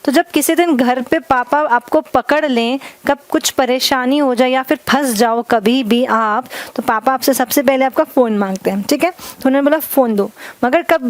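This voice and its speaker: Higher-pitched woman teaching grammar. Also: dry recording. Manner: explains in Hindi mixed with English, dictates example sentences slowly word by word; addresses viewers as "guys", repeats "ठीक है" often. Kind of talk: classroom grammar lesson.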